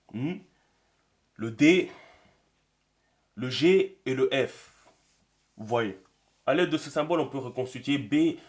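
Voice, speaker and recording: A man teaching a writing system in a screen-recorded tutorial, thinking aloud as he draws and dropping many fillers. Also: medium pitch. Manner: talks to himself while writing, many fillers. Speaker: teacher of a script.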